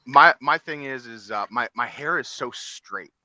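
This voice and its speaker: Podcast co-host, male, bright forward voice, dry close sound, rambling casual storyteller. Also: medium pitch, lively intonation, measured pace, dry recording. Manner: rambling storyteller, many fillers and restarts. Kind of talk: casual chat.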